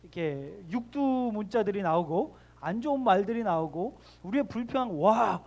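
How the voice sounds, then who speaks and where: A man's voice: sits high, animated, moderate pace, a little mellow. A man giving a sermon to middle schoolers in a church, asking the young listeners direct questions and leading them in reading scripture aloud. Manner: leads the group in reading scripture. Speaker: youth pastor. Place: church sanctuary.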